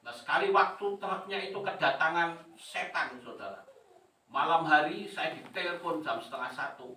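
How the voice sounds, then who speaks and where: A male pastor delivers an animated sermon, laughing lightly and asking the congregation questions. His voice is bright and forceful, a little high. It carries from a distance through a roomy church hall. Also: moderate pace. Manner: animated, chuckling, addresses the congregation with rhetorical questions.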